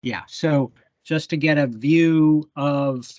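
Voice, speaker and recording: Bee class guy on a video call, talks real slow, lots of ums, muffled lo-fi mic. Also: on the high side, a little mellow, dry recording. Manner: unhurried, thinking aloud with fillers while adjusting a microscope. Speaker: bee identification instructor. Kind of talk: live online microscope workshop. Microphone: computer mic on a video call.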